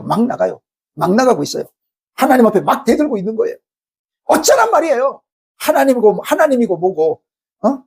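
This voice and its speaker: A man's voice: high voice, vocal fry, slightly rough. A man preaching a Sunday sermon as pastor in a church, speaking emphatically and firing rhetorical questions at the congregation. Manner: acts out angry complaints to God. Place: church sanctuary.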